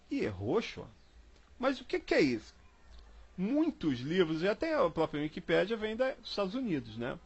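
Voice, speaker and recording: A man's voice: high voice, breathy edge. A man from Brazil leading an informal Bible study, chatty and repetitive, spelling words out letter by letter. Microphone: online call.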